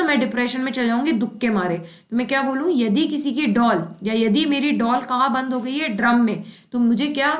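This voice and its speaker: A woman teaching English idioms for exam preparation. She explains with memory tricks, asks questions and answers them herself, and keeps adding tag questions. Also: sits high. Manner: often adds tag questions like "है ना". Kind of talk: exam-prep idiom lesson. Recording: echoey room.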